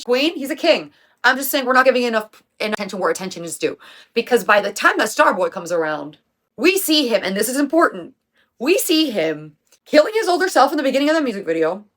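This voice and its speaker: Young woman, casual video-essay host, emphatic and slangy, middle pitch. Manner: chatty and emphatic, with slang and swearing. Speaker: music commentary creator.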